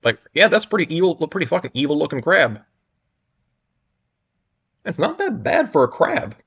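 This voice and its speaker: A man's voice: a little high, sing-song, normal speed, fairly bright tone, slightly rough. A young man casually reading a pulp novel aloud on a livestream, with wry asides and stumbles, in muffled lo-fi audio. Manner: wry, amused, stumbles over words. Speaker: livestream reader.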